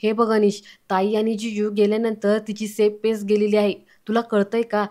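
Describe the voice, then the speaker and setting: A woman's voice: mid-range voice, completely flat delivery, moderate pace, a little mellow, natural voice. A woman reading the lines of a protective, emotional adult woman in an earnest, pleading tone.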